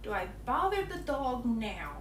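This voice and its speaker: A young woman with a slightly high voice chats at an unhurried pace as she washes dishes in her home kitchen. She rambles easily and slips into a cooing tone when she talks to her dog. A camera mic across the room catches her, with a faint hiss underneath. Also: big pitch swings, echoey room, distant mic. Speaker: home baking channel host. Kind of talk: casual chat while doing chores.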